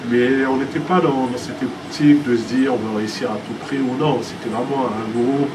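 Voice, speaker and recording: A man's voice: medium pitch, fairly even intonation, moderate pace. A man in his thirties from France, answering interview questions casually with many fillers and restarts. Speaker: filmmaker interviewee. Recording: distant mic with air-conditioning hum.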